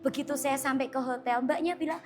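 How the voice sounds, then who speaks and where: A woman's voice: sits high, quick pace, over music. A woman pastor in her thirties giving a sermon with a personal testimony, telling it casually and acting out conversations. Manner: animated storytelling, acting out dialogue; casual, chatty.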